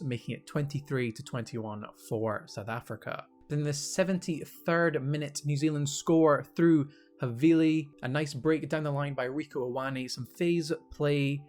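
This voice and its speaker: A young man hosting his own channel, recapping a match in a voice-over and letting his voice fall off at the ends of his lines. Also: mid-range voice. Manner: brisk recap, trailing off at line ends. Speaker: rugby channel host. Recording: faint music behind.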